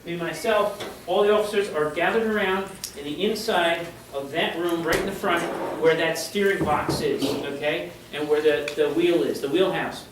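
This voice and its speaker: High-voiced man telling history in echoey hall. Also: normal speed, hardly any pauses, noisy background. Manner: chatty, keeps checking in with the audience. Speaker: history presenter. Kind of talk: live storytelling presentation to an audience. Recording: echoey room, voice from far off.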